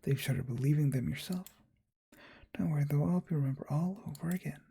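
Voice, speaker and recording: A man voicing an obsessive young woman nurse in a soft, cooing whispered role-play. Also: on the high side, fairly quick, creaky, husky, exaggerated voice. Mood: menacing. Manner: cooing, possessive.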